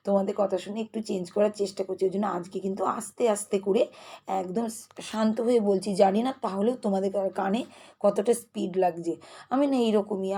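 A woman's voice: medium pitch, dark tone. A woman vlogging casually at home about her chores, chatty and restless. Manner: fast, chatty, restless talker. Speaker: lifestyle vlogger. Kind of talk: casual vlog narration. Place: home kitchen.

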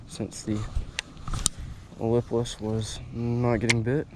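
A young man talking casually as he fishes from a small boat on a lake, getting excitable when a fish bites. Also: mid-range voice, takes it slowly. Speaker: angler filming his fishing trip. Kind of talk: casual fishing vlog chat. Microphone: head-mounted action camera. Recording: noisy outdoor action-camera audio. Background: steady outdoor noise of wind and water.

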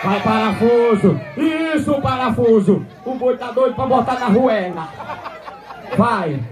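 High-pitched shouting rodeo announcer, loud crowd. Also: male voice, animated, slow. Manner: shouting, joking, egging on the crowd. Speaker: event announcer. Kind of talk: live bullfight-style rodeo commentary. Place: outdoor rodeo arena. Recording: loud crowd and music outdoors.

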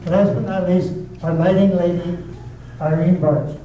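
Hosting a community readers theater, a man introduces the show and chats casually with the live audience, often checking in with "okay?". His voice sits high with fairly even intonation and a slightly slow pace. The recording is muffled, noisy and echoey, with a distant mic.

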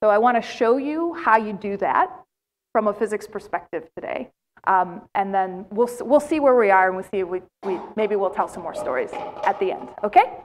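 In a large lecture hall, the plenary speaker, a middle-aged American woman, talks at a normal speed in a mid-range voice. She tells lively stories and regularly questions her audience.

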